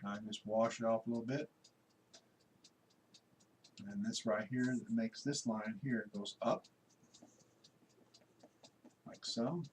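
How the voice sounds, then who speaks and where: A man teaching a drawing lesson, relaxed and instructive, talking as he works and pointing out each line. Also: on the low side, slow pace, long pauses, a little hiss or hum. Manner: relaxed, instructive, talks while working with frequent pointing words. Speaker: art instructor. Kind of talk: drawing tutorial walkthrough.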